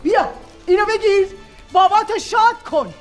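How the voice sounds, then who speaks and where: An actress playing a brisk, bossy family mother who scolds and gives orders. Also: very high-pitched, soft background music. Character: commanding, fussy family mother.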